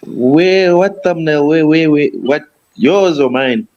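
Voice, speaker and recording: Easygoing male co-host, unhurried, dull lo-fi sound from talking into a phone mic. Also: on the high side, a little mellow. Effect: heard through a phone mic. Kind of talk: casual chat.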